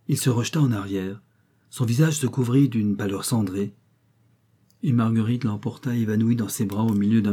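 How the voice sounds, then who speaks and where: A man reading a classic novel aloud as an audiobook narrator, in a measured, even delivery. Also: on the low side, breathy edge. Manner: measured, evenly paced reading. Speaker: audiobook reader.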